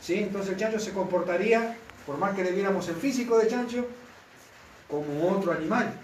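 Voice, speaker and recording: A man's voice: high-pitched, brisk, slight background noise. A man preaching a sermon, who keeps asking the congregation whether they follow him. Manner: asks the congregation for constant confirmation. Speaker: pastor. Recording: echoey room, mic at a distance.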